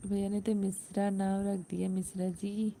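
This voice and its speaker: A woman's voice: mid-range voice, level tone, normal speed, dark tone, a little hiss or hum. A woman hosting a casual live stream, chatting and laughing with viewers and greeting them by name.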